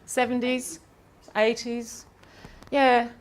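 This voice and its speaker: Woman lecturing lively to an audience. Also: on the high side. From Ireland. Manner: lively, quick asides, laughs with the audience. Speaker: university professor giving a seminar. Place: lecture hall.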